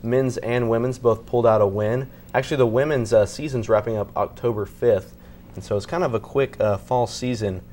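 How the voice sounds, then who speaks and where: A young American man delivers student TV sports news at a middling male pitch. His style is conversational and colloquial. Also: steady tone, brisk, a little mellow, a little hiss or hum. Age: young adult.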